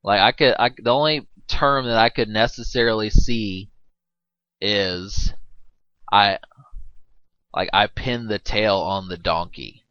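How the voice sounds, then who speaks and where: A man's voice: lowish voice, steady tone, slow pace, pauses often, sharp tone, no room sound. A man giving casual, rambling movie commentary, full of fillers and jokes. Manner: rambling, filler-heavy, joking with frequent laughs. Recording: dull, dry lo-fi mic.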